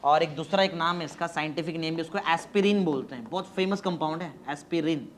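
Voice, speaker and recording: A man teaching chemistry in a classroom, dictating notes slowly and spelling words out letter by letter. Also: on the high side, slight background noise. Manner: mixes Hindi and English, urging students to hurry.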